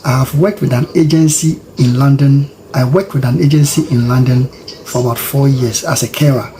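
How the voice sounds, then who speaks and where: A man's voice: medium pitch, fairly even intonation, moderate pace, dark tone, a little hiss or hum, rough recording. Preachy man commenting. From Africa. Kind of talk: casual commentary.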